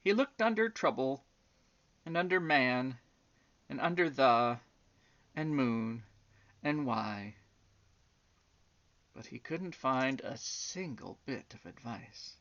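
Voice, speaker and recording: A woman reads a children's story aloud with theatrical emphasis, drawing out words and adding chatty asides to young listeners. Her rumbling low voice is animated, slow, and full of pauses, and the recording sounds muffled.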